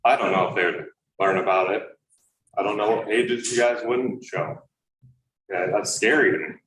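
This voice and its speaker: A man in his thirties, a parent speaking at public comment, earnest and halting with many fillers, captured as an official meeting-room recording. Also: lowish voice, a bit bright. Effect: official meeting-room recording, like a courtroom tape. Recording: roomy hall recording from far off with faint background noise.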